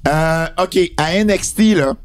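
A man's voice: fairly high pitch, a little slow, clear, resonant tone. A man with a Quebec French accent, co-hosting a podcast in casual, joking chat. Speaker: podcast co-host.

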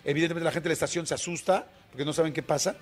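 A man with a Mexican Spanish accent tells a story as a radio guest, animated and colloquial, full of fillers. His voice sits a bit high for a man, with soft music faintly behind him. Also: racing.

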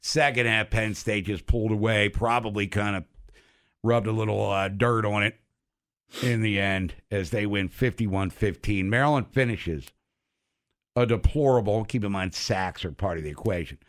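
A man's voice: lowish voice, normal speed, fairly bright tone. A middle-aged man hosts a sports radio show in a casual, conversational style. He has no teeth in, so his speech is toothless with a slight lisp. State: toothless, speaking without his dentures.

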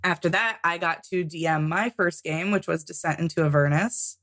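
Chatty woman guest, low-pitched. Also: moderate pace, a bit bright. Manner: chatty, laughs often, many ums. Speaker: podcast guest, tabletop game author. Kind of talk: casual interview chat.

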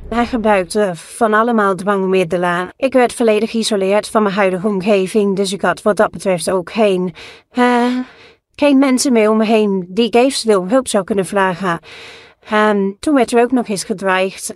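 Woman in her early thirties, AI-altered voice, hesitant, halting with fillers, dry close sound. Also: mid-range voice, dry recording. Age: early 30s. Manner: hesitant, many fillers and restarts. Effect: voice disguised with AI. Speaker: anonymous interviewee. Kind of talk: personal testimony.

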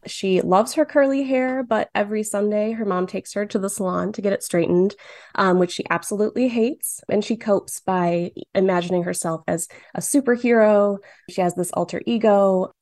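In clean studio sound with no echo, a Michigan cartoonist in their late twenties chats through an interview as a guest, full of fillers and frequent laughter. Their voice is mid-range and somewhat dark, at a moderate pace.

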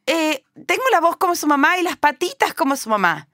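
A woman with a Chilean accent voicing a sly male wolf pretending to be a mother goat, in a high sugary falsetto. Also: sing-song, brisk, bright, forceful tone, no echo, clean studio sound, full character voice.

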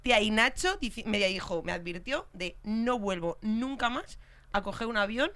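A woman with a Spain Spanish accent telling a story in casual chat, animated, swearing and laughing as she goes. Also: medium pitch, moderate pace. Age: adult with a young child. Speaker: podcast co-host telling a story.

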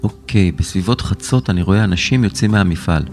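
A man voicing a brisk, matter-of-fact young tech helper in a serialized children's story. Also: sits low, darkish tone, soft background music. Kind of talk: storybook character reading.

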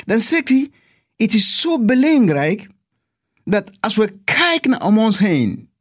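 Male preacher, husky voice, slow and emphatic delivery, swooping pitch, repeats phrases for weight. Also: very animated, no echo, clean studio sound. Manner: slow and deliberate with dramatic pauses. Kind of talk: sermon.

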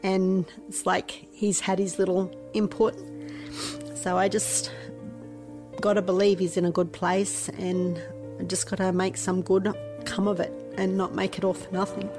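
A middle-aged Australian woman, a mother speaking about her missing teenage son in an interview, soft and halting, sometimes dropping to a near whisper. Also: mid-range voice, level tone, over music. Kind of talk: emotional interview testimony.

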